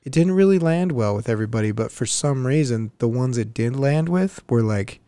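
Podcast co-host, male, dark mellow tone, dry mic, loose and profane. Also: mid-range voice, lively intonation, brisk, smooth, no echo. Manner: profane, laid-back, laughs often. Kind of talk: casual chat.

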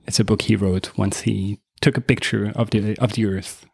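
A man in a casual group chat, talking in a hesitant, halting way with many fillers. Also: lowish voice, fairly even intonation, gravelly, a little mellow, breathy edge, no room sound, clean studio sound. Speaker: guest.

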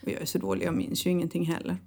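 A woman's voice: on the low side, big pitch swings, darkish tone. A middle-aged woman co-hosting a podcast, chatting casually, telling stories animatedly and laughing often. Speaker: podcast co-host. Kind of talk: casual chat.

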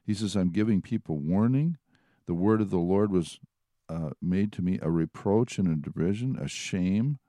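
A man's voice: deep voice, normal speed, warm tone, no echo, clean studio sound. A man teaching from the Bible in a conversational way, retelling and reading passages aloud. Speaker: preacher.

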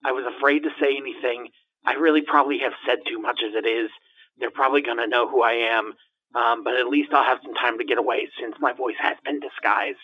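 A man's voice: mid-range voice, steady tone, fairly quick. A man playing a nervous, gossiping building landlord who stammers and rambles conspiratorially, his voice run through a muffled disguise filter for a comedy podcast. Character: jittery gossiping male building landlord in hiding. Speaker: interviewee. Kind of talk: improvised comedy podcast parody.

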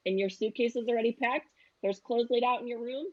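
A woman's voice: fairly high pitch, steady tone, fairly quick, a little mellow, lo-fi sound. A woman in her thirties, a travel agent guest, chatting casually and acting out quotes as she tells stories. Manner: chatty storyteller who acts out quotes. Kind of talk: casual chat.

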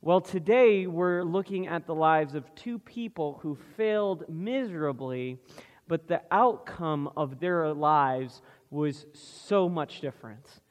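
Slow-preaching man in a reverberant hall. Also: fairly high pitch. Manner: slow, deliberate preaching with questions to the congregation. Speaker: pastor. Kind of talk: sermon. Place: church sanctuary. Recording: long reverb of a large hall.

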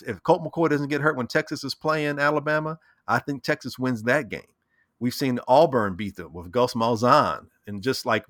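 A man's voice: mid-range voice, fairly bright tone, no room sound, clean studio sound. A man in casual sports chat, talking animatedly, repeating words and acting out what he said and thought. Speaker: sports talk co-host.

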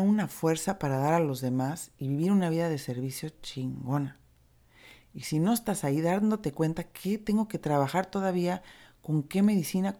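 A woman with a Mexican accent giving a reflective motivational talk on recovery, candid and earthy, mixing gentle encouragement with casual swearing. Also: low voice. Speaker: recovery speaker.

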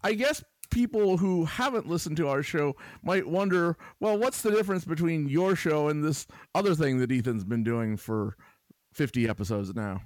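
A man's voice: on the high side, normal speed, no echo. Joking, hesitant man co-hosting a podcast. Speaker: podcast co-host. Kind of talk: casual podcast chat.

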